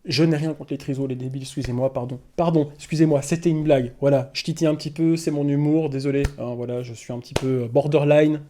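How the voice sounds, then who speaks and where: A man's voice: a little high, steady tone, quick pace, hardly any pauses, warm tone. A man giving casual reaction commentary to his viewers, chatty and self-mocking. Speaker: streamer reacting to a video.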